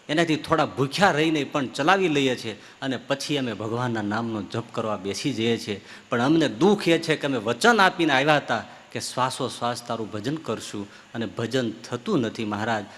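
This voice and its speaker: A man giving a religious discourse as a swami, telling stories and acting out the people in them with big swings of pitch and loudness. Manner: acts out story characters with swings of pitch and loudness. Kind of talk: sermon with storytelling. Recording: long hall reverb.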